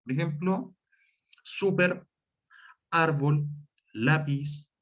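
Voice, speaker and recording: A man's voice: on the high side, very slow, fairly bright tone. A man teaching a spelling lesson, explaining the rules step by step, with frequent fillers and self-corrections. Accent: Chilean Spanish. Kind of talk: spelling lesson over slides.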